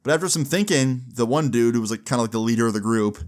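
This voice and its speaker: Speaking fast in a medium-pitched voice, a young man shares a personal story on YouTube. He keeps it informal, swears freely, leans on slang, and voices the dialogue himself.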